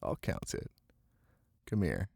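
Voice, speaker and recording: Here a deep, husky-voiced man voices an affectionate, ticklish boyfriend who reads aloud to his partner in an ASMR roleplay, lightly acted and tender. He teases softly and slowly, pausing to murmur. Recorded close and dry with no echo, it has rain falling behind him.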